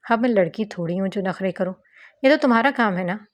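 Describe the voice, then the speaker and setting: A woman voicing a playful, teasing young husband in an audiobook novel reading, with quick banter. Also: mid-range voice, lightly acted.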